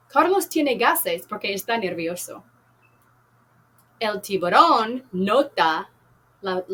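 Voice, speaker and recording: Slow, clear woman teaching Spanish. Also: mid-range voice, a bit bright. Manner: slow, clear, repeats words and translates into English. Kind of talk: classroom lesson, reading a novel aloud.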